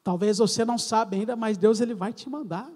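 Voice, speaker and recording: A man's voice: high voice, brisk, darkish tone. A middle-aged Brazilian man with a Brazilian accent, preaching a sermon testimony. He tells his story, calls the congregation brothers and acts out the dialogue. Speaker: church elder preaching. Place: church sanctuary. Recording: reverberant church hall.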